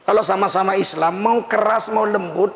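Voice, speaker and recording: A man preaching a lively, humorous sermon, teasing and laughing as he mimics the people he mentions. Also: high-pitched, normal speed, creaky. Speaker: Islamic preacher. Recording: echoey hall, faint ambience.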